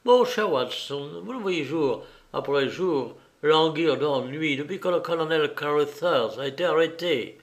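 Male reader playing a sharp, self-assured detective with a brisk, precise delivery and a fairly high voice. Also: expressive. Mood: bored, restless. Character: brilliant restless male detective, crisp and assured. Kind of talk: audiobook reading.

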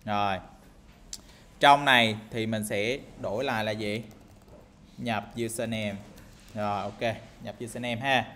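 A man's voice: fairly low pitch, steady tone, measured pace, long pauses, sharp tone. A man teaching game programming in a screen-recorded tutorial, talking casually and thinking aloud with lots of fillers and tag questions. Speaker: programming instructor.

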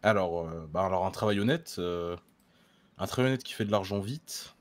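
A man's voice: low-pitched, normal speed, close to an everyday voice. A man playing a helpful, patient townsman in a western roleplay, hesitant and full of fillers. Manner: hesitant, many 'euh' fillers. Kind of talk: in-character roleplay.

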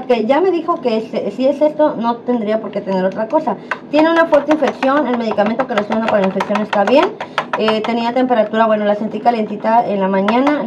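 In her home vlog, a woman with a mid-range voice chats casually to camera, addressing viewers as friends. The sound is dull and lo-fi, with clear background noise.

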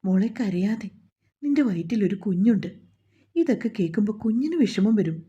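A woman's voice: mid-range voice, lively intonation, moderate pace, warm tone, husky, lo-fi sound. A woman voicing an anxious, loving middle-aged mother who soothes her daughter and prays in a pleading way. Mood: soothing, worried.

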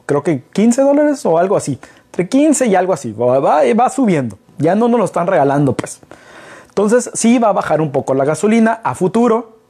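His voice sits a little high and carries a warm tone. He's a middle-aged Mexican man and business consultant, chatting informally to camera from a living-room armchair and asking himself rhetorical questions along the way, with the audio coming from a distant camera microphone.

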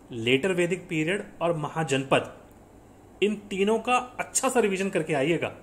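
Man teaching exam quiz, asks and answers himself. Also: a little high. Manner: explains step by step, asks and answers his own questions; mixes in English phrases. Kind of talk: classroom lecture with quiz questions.

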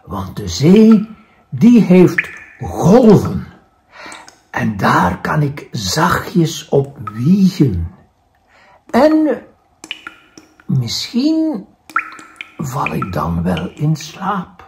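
A man's voice: fairly high pitch, wildly swooping pitch, extremely slow, long pauses, darkish tone, a little hiss or hum, exaggerated voice. A man voicing a sleepless little man who stammers and hesitates. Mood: hesitant, dreamy.

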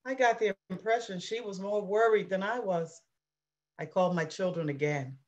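An anxious, war-weary mother, read by a woman in a play reading, tells her story in an earnest and measured way. Her voice sits at a mid pitch. It sounds as if it comes through a video call. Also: muffled recording, lightly acted. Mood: anxious recounting. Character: anxious middle-aged mother recounting war.

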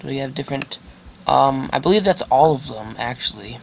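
A man's voice: medium pitch, animated, normal speed, vocal fry. A young man giving casual gameplay commentary, rambling and joking about himself, with lots of fillers. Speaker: gaming channel host. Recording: noisy home recording with keyboard clicks. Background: keyboard clicks and typing.

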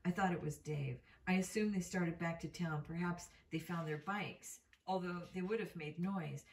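A woman's voice: fairly low pitch, moderate pace. A woman reading a novel aloud in an unpolished way, with slips and self-corrections. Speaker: reader. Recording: roomy, mic at a distance.

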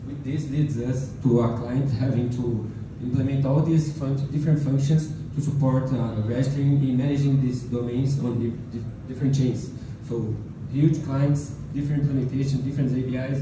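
A man explains technical details informally as a lightning talk presenter. His voice has a medium pitch and comes through with heavy room echo and clear noise behind it. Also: steady tone, moderate pace, hardly any pauses. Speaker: conference co-presenter. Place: medium conference room, indoors. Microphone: handheld mic through PA, picked up by a distant camera. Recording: roomy, distant, noisy room recording.

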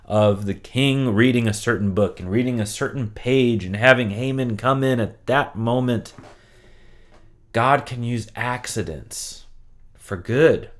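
A man's voice: medium pitch, a bit bright. A man teaching an online Bible lesson for children, telling the story expressively and asking rhetorical questions.

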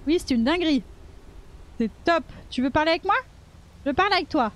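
A woman's voice: high-pitched, animated, a little fast. A woman streamer giving casual, playful commentary while playing a video game, swearing freely and talking back to the characters. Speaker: gaming streamer. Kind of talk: casual let's-play commentary.

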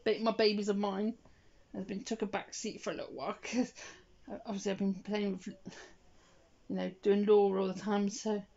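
A woman's voice: medium pitch, little pitch movement, brisk, hardly any pauses, dark tone. A woman with heavy, audible breathing, rambling casually and murmuring to herself as she works with her hands. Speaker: hobbyist doll vlogger. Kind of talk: casual rambling chat while dressing a doll. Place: indoors at home, hands-on beside a bed. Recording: slightly dull lo-fi phone sound.

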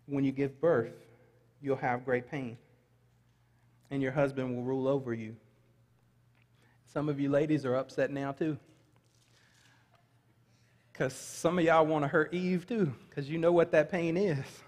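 A middle-aged man, a pastor, preaches a sermon in a large sanctuary with a steady, slightly mellow mid-range voice. He talks a little slowly and leaves long pauses while reading scripture and offering light asides, and the hall's reverb lingers long.

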